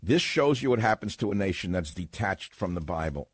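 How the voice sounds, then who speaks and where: Older guy radio host, low voice, sarcastic rant, drops to a mutter then blows up loud, dry studio. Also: animated, brisk, slightly rough, no room sound. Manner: sarcastic, indignant, swings from muttering to loud outbursts. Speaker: radio talk show host. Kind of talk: political talk radio monologue.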